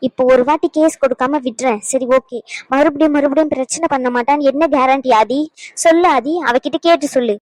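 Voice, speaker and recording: A woman plays a fierce elder sister in a cartoon drama, scolding in a high voice that lectures without letup. The sound is dry and close, with no room around it. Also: a little fast, a little mellow, no echo, natural voice, poor audio. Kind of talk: animated drama dialogue.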